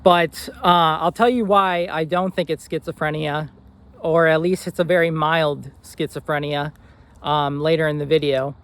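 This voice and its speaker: A young man in his twenties tells a personal story straight to the camera. His voice sits a little high for a man. He talks earnestly and rambles, with many fillers and restarts. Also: steady tone, normal speed, fairly bright tone. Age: 20s. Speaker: vlogger.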